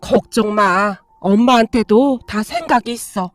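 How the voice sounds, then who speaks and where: Woman voicing a gentle, sorrowful stepmother. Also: fairly high pitch, measured pace, dry recording, faint music behind, lightly acted. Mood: reassuring. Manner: soft, soothing.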